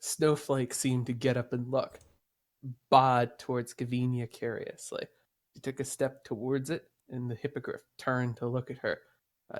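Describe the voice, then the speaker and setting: A man running a tabletop role-playing game over voice chat. He describes scenes at a measured pace, with many small "uh" pauses as he searches for words. His pitch sits in a typical middle range. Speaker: game master.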